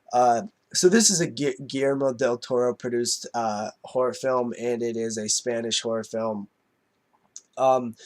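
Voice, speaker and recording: A man with a cold, sounding nasal and congested, casually reviewing a horror film with many fillers and restarts. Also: mid-range voice.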